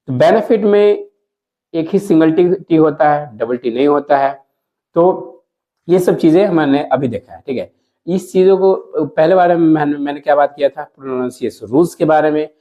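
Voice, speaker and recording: A man teaching a lesson to viewers, explaining slowly, repeating words and asking himself questions as he goes. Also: on the high side, warm tone. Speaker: English teacher.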